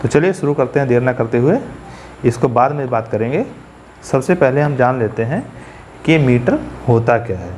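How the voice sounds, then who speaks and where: A man's voice: medium pitch, animated, normal speed, a little mellow, slight background noise. A man teaching poetry as a class lecture, repeating key terms and putting questions to the students. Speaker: English teacher.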